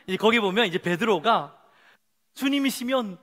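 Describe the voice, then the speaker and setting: A man's voice: sits high, animated, a little fast, fairly bright tone. A male pastor preaching to a youth congregation, telling a story with animation, acting out scenes and putting questions to his listeners. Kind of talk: sermon to a youth service. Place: church sanctuary. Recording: long reverb of a church hall.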